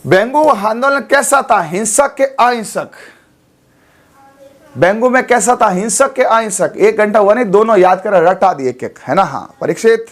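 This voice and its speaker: Hoarse high-voiced man teaching. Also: lively intonation. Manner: quizzes students rapidly, repeats mnemonics. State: hoarse, sore throat. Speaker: exam coaching teacher. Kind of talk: animated online exam lesson.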